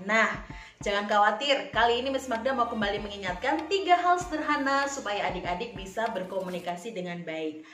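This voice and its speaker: A woman teacher giving a lesson to children, speaking clearly and deliberately with lively expression. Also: fairly high pitch. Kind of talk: recorded online lesson for children. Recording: echoey room.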